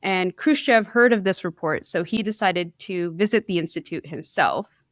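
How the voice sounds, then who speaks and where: A woman's voice: fairly low pitch, moderate pace, no room sound, studio quality. A woman hosting a podcast, telling a science story in a casual, chatty way with frequent laughs and self-deprecating asides. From India.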